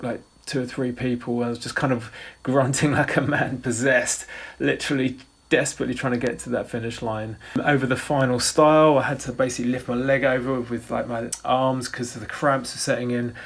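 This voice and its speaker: A man in his forties recounts a race in a casual, rambling way, often restarting his sentences. His voice sits at a middling pitch and stays fairly level, with little rise and fall. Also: gravelly, husky. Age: 40s. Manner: rambling, with frequent restarts and fillers. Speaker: ultrarunner vlogger. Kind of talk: casual race report narration.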